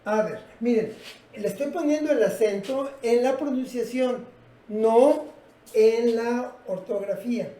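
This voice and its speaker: An English teacher with a mellow, mid-range voice gives a patient lesson at a measured pace, posing rhetorical questions to the class. The recording is roomy and picked up from a distance.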